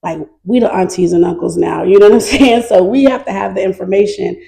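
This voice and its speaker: A middle-aged woman from North Carolina, chatting lively and easily as an interview guest. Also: medium pitch, brisk, vocal fry, rough recording. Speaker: guest, nonprofit founder. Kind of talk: casual interview chat.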